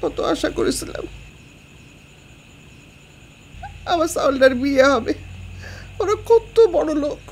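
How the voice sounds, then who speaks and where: A woman's voice: sits high, a little hiss or hum, lightly acted. An actress playing a bitter, grieving middle-aged mother.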